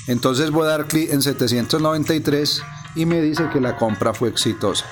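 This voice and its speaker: A man with a fairly high voice narrates a gameplay clip at normal speed, with faint music underneath. He explains things step by step in a calm, methodical way, like a casual walkthrough. It's a voice-over recorded on a phone screen recording.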